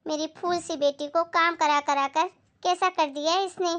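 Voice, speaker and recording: A woman doing a sharp-tongued middle-aged mother-in-law in a family moral skit. She scolds in a very high voice. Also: steady tone, moderate pace. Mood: indignant. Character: nagging middle-aged mother-in-law who avoids housework.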